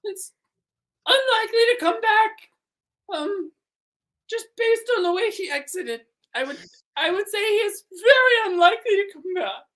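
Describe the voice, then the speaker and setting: A man putting on a fretful mother in a shrill, sobbing falsetto, much higher than his own voice. The voice cracks and wails through improvised comedy. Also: animated, normal speed, bright, forceful tone, heavily acted. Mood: distraught. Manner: wailing, crying falsetto. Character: high-pitched fretful mother.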